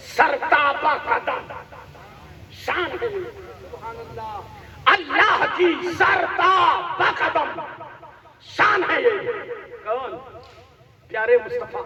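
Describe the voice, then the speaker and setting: A man's voice: very high voice, pushed and bright. A man preaching a sermon at a religious gathering, impassioned, with repeated refrains that build up. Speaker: Islamic preacher. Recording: roomy, distant, dull crowd sound at a religious gathering.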